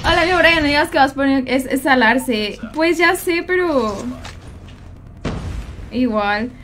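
A young Mexican woman livestreaming a game, talking to her chat in quick, slangy Spanish-flavored banter and teasing the viewers she greets. Her voice sits high. A faint hiss of noise runs underneath. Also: fairly bright tone. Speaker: streamer. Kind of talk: casual gaming livestream chat.

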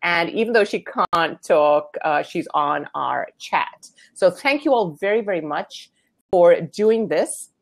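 A bubbly woman hosts a casual live video chat, her lowish voice swooping up and down with lots of life. She laughs easily between sentences. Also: animated, measured pace, creaky. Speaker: host.

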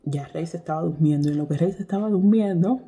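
A young woman with a low-pitched voice tells her viewers a story in a loose, chatty way. She laughs often and acts out what people said as she goes. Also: fast talker, warm tone, slight background noise. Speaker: vlogger.

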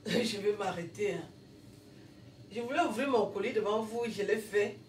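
Woman doing a chill unboxing vlog, slow talker, lots of wows and thank-yous, sounds far off the mic. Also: medium pitch, slight background noise. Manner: exclaims often, thanks warmly and repeatedly. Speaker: vlogger and comedian. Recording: roomy echo, voice away from the mic.

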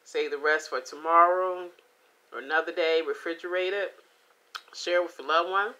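A middle-aged woman chatting casually to the camera as she reviews food at home, with an unhurried manner. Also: on the low side, steady tone, bright, forceful tone, a little hiss or hum. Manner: unhurried, talking between bites with pauses and mm sounds. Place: indoors, small home room. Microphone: camera or phone at about arm's length.

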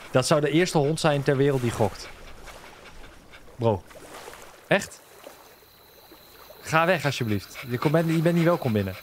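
A man's voice: on the high side, slight background noise. A man casually commentating on a game he is playing, joking and bantering with the characters on screen. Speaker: gaming video host. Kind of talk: casual let's-play commentary.

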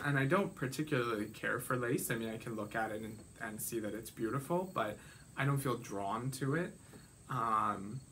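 A man hosting his own podcast, chatting casually in a gentle, rambling way with many ums and restarts, his throat a little froggy. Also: mid-range voice, a little hiss or hum. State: slight frog in throat. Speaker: podcast host. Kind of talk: casual solo podcast chat about knitting and sewing.

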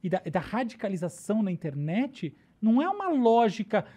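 Mellow-voiced Brazilian woman explaining patiently. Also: mid-range voice, big pitch swings, normal speed. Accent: Brazilian Portuguese. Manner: explanatory, often checks in with "tá?" and "né?". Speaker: neuroscientist guest. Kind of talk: casual podcast explanation.

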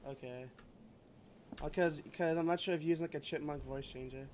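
A man's voice: on the high side, steady tone, a little fast, a little mellow, slight background noise. An American man from Massachusetts chatting casually as he streams gameplay. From Massachusetts, USA. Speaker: game streamer. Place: small indoor room.

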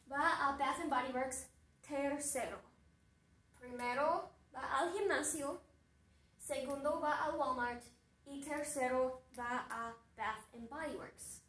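A woman teacher tells a story to her class, speaking very slowly and deliberately and stopping to ask questions. Her voice sits high. The recording is roomy and echoey, as if she is standing a little back from the mic. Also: pushed and bright, distant mic. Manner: slow and deliberate, asking the class questions and recapping. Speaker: Spanish teacher. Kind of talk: slow storytelling lesson for a class.

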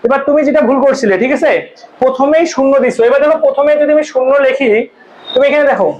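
A man's voice: extremely high pitch, steady tone, fast, darkish tone, echoey room, lo-fi sound. A man teaching math to a class as a tutor, asking students questions and repeating the answers. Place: tuition classroom.

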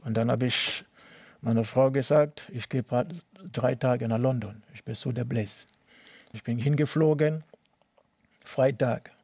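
A middle-aged man from Cameroon telling his life story in an interview, speaking halting, non-native German with many restarts and repeated words. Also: medium pitch, fairly even intonation, vocal fry, a little mellow, husky, no room sound. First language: not German. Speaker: interviewee, tennis coach. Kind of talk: personal testimony interview.

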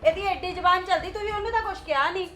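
A woman plays a boastful elder sister-in-law with a Punjabi accent who taunts and brags in a high voice. Soft music plays behind her. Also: steady tone, a little fast. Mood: complaining. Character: proud older sister-in-law, sharp-tongued housewife. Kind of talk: family drama acting.

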